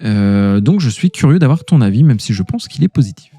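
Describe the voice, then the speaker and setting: A man hosts a podcast in a casual, conversational way. His tone is very soft and dark, at an average pitch. He feels his way through sentences with measured pauses. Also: animated, husky, no room sound, faint music behind. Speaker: podcast host. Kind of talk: casual game review and chat.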